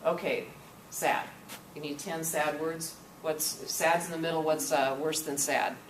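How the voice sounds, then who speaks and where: A deep-voiced woman runs a workshop and keeps checking that her listeners follow along. She is picked up from far away by a camcorder, so the room echoes around her and a steady noise runs underneath. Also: measured pace. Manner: coaxing, checks understanding with frequent "okay?". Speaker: workshop presenter. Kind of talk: interactive workshop lecture. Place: classroom or meeting room.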